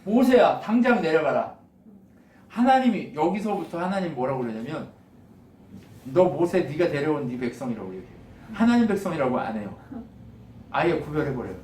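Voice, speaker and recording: Male pastor, high voice, animated sermon, roomy and off-mic. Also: a little fast, a little hiss or hum. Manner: animated, acts out God's lines with laughs. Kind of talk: lively conversational sermon. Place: church sanctuary. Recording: echoey room, mic from a distance.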